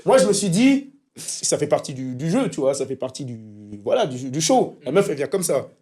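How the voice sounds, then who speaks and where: A young man with a Swiss French accent, co-hosting a podcast in lively casual chat, laughing a lot as he tells his side. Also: on the high side, fairly quick. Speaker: podcast co-host.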